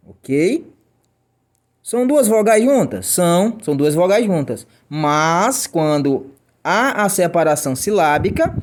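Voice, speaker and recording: A man's voice: fairly high pitch, background noise. A Brazilian man teaching a grammar lesson in a chatty way, checking in with the class and answering imagined student questions.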